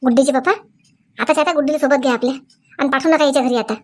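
An indignant, protective middle-aged mother of a bride, played by a woman makes accusations in a Vidarbha Marathi accent. Her voice is high for a woman. The scene comes from a comic family skit. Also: steady tone, rapid-fire, lightly acted. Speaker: actor in a comedy skit.

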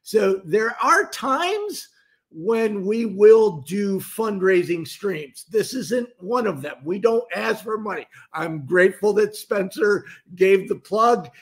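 Brief: male live-stream host, high voice, loose rambling delivery with lots of restarts. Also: lively intonation, slow. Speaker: livestream host. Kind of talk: casual live-stream talk.

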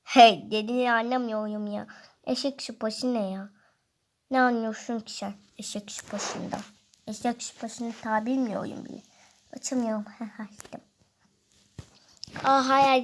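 A woman's voice: on the high side, steady tone, unhurried, slight background noise. A woman giving playful game commentary, whining in fun as if she were a baby. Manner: playful, whiny, pretending to be a baby. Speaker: gaming video host.

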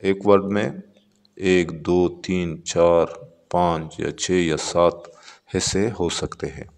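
A male teacher with a Pakistani accent works through a textbook exercise. His voice sits very low. He speaks at a very slow, deliberate pace, and the room rings with a long reverb. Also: fairly even intonation, vocal fry, a little mellow. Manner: reads English words slowly, then explains them in Urdu-flavoured Hindi. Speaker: English teacher.

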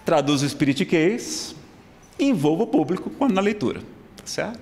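Brazilian male speaking coach, slightly high voice, live class in a hall with long reverb, chatty and checks in often. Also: sing-song, a little fast, a little mellow, breathy edge. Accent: Brazilian Portuguese. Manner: conversational, frequent "tá certo?" check-ins. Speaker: public speaking instructor. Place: lecture room with projector.

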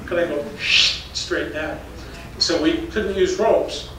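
Taking it slowly, an older geology professor speaks in a slightly high, bright, forceful voice during a public slide talk of stories. He's folksy and anecdotal, with chuckles between tales. The recording, from a distant mic in a darkened lecture hall with an audience, is very echoey with faint noise.

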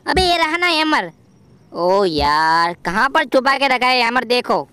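A man voicing an excitable, jokey young male game hero in a playful gameplay voiceover, full of exclamations. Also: extremely high pitch, a little slow, clean tone, heavily acted. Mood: excited. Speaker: gameplay commentator voicing a character.

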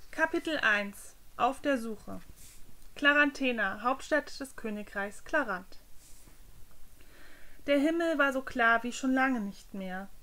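A woman author reading her fairy-tale novella aloud with clear, even storytelling. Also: on the high side, takes it slowly.

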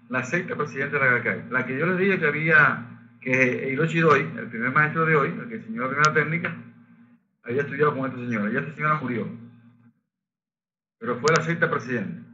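A man facilitating a Reiki workshop, explaining techniques and leading the group in slow chanting. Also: mid-range voice, sharp tone, highs cut off, a little hiss or hum. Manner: leads group chanting of Japanese phrases, slow and sung. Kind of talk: spiritual workshop teaching.

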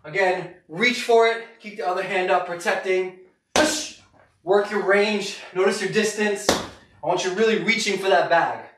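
A man's voice: sits high, unhurried. A middle-aged man coaching a live boxing workout with short, punchy, encouraging cues while hitting a punching bag. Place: garage gym, indoors, camera several metres away. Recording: echoey noisy garage, far from mic.

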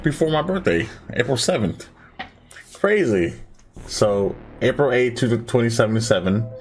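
A man giving excitable, slangy let's-play commentary while playing a game. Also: fairly low pitch. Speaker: gaming channel host. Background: game music.

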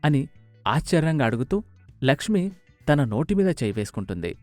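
A man narrating a scripted story, expressive and animated. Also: fairly high pitch, moderate pace, dry recording, faint music behind.

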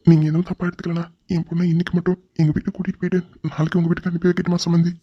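A man's voice: sits high, completely flat delivery, very fast, husky, dry recording. A man voicing a reassuring, middle-aged father of the groom in a cartoon drama, soothing the other family. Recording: dull lo-fi recording.

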